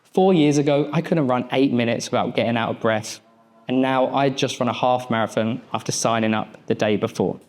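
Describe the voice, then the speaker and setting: A man's voice: mid-range voice, brisk, a little mellow. A young adult man, a mindset coach, giving a motivational speech on an event stage and telling a personal story in short, punchy phrases.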